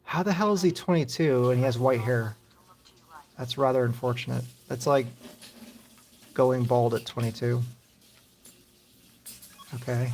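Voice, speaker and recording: A middle-aged man streaming old console games live, chatting in a loose, rambling way with casual swearing. His voice has a gravelly edge of vocal fry. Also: medium pitch, a little slow, pauses often, darkish tone. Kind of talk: casual gaming commentary.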